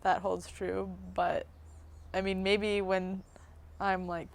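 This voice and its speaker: A woman's voice: medium pitch, level tone, slow pace, creaky. A young woman in a casual interview, speaking frankly with many filler words.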